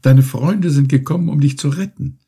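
A man voicing an excited male sailor who calls out urgently in a raised voice. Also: fairly high pitch, normal speed, slightly rough, pitched above the performer's own voice.

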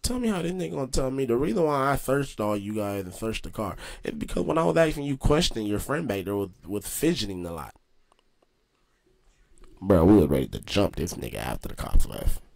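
A young man casually telling a story, slangy and animated, with lots of swearing. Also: on the low side, brisk, creaky. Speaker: host.

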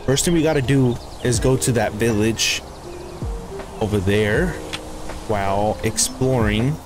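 A young man with a voice of middling pitch chats his way through a game session, excitable and talking to himself as things pop up on screen. Game music plays steadily behind him. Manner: chatty and excitable, talks to himself while playing. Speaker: gaming YouTuber. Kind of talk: casual gameplay commentary.

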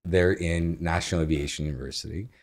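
With a low voice and steady tone, this fast-talking Ukrainian agency founder in his thirties chats as a guest in a relaxed home interview. He speaks loosely and laughs often; the setting is a living room, with a studio mic on a boom arm.

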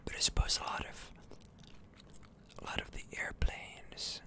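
Here a gaming channel host whispers without voice, breathy and slow, lengthening words as she or he provides relaxing ASMR commentary.

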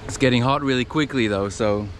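A young man talking casually to his handheld camera outdoors for a travel vlog, relaxed and unhurried. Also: medium pitch. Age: young adult. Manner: relaxed, unhurried, repeats himself. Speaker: travel vlogger. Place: outdoors on a seaside hill and in thick bushes. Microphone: action camera held close. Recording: outdoor camera audio with wind noise.

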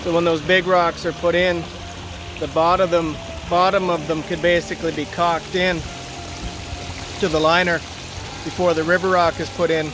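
A man with a slightly high, fairly flat voice speaks at a moderate pace over background noise. He's a water feature installer filming a backyard stream on a handheld phone, thinking aloud as he gives a plain, practical walkthrough while inspecting it outdoors.

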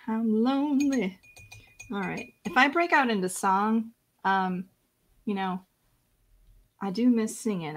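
A woman running a casual live-stream painting lesson, chatting and talking to herself as she works. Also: medium pitch. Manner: chatty, self-talking while working. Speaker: painting instructor.

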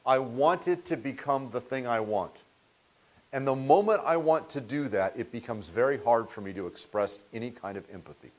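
A man's voice: medium pitch, expressive, moderate pace. A middle-aged man giving a seminar lecture to a small audience, telling stories in a conversational way and often restarting words mid-sentence. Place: meeting room with audience.

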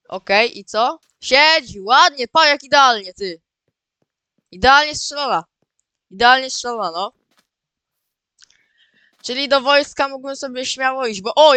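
A gaming video host with a high-pitched, clean voice and no room sound gives casual, excitable commentary on his own channel. He often repeats words and calls out to his viewers.

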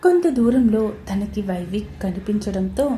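A woman narrating a romance story in a steady, scripted reading. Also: medium pitch, moderate pace, slight background noise. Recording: roomy echoey recording.

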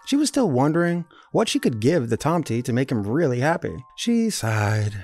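Brief: male storyteller, expressive kids' read-aloud, gravelly. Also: mid-range voice, normal speed, soft background music. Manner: lively, expressive reading.

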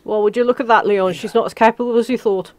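A woman giving jokey, excitable let's play commentary, talking back to the game characters. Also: a little high, fast talker, no room sound. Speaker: gaming channel host.

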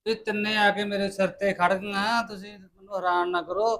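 Drunk punjabi dad, defensive and sulky, fairly high voice played by a man. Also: little pitch movement, a little fast, fairly bright tone. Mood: grumbling. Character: drunken stubborn middle-aged husband and father. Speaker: drunk father. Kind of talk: Punjabi short film acting.

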